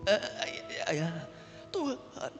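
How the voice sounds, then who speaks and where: A man's voice: sing-song, extremely slow, exaggerated voice. A man voicing Moses as a nervous, stammering older man. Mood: pleading. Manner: stutters, high strained pleading. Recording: church hall reverb, faint music.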